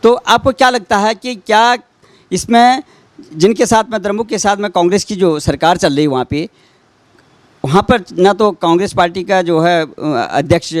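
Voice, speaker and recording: A man interviewing, asking long, halting questions padded with fillers. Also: high voice, no room sound.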